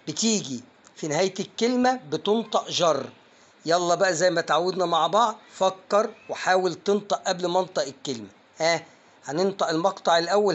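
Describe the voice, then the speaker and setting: An Egyptian man with a voice pitched a little high teaches an online pronunciation lesson. He coaxes his viewers along with emphatic urging and sounds out each word slowly, one syllable at a time. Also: dull audio. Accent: Egyptian Arabic. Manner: emphatic, coaxing, drills words slowly syllable by syllable.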